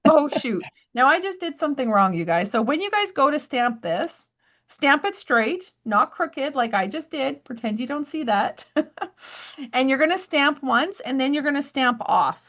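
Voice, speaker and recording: A woman's voice: high-pitched, animated, unhurried, fairly bright tone, lo-fi sound. A woman teaching a live crafting class at home, chatty and friendly, walking viewers through each step. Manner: chatty, friendly instructing with little laughs.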